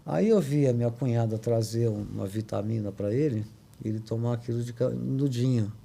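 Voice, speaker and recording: Gravelly older Brazilian man telling a story. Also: mid-range voice, dark tone. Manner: halting, many restarts and tag questions. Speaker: podcast guest. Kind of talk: emotional personal storytelling.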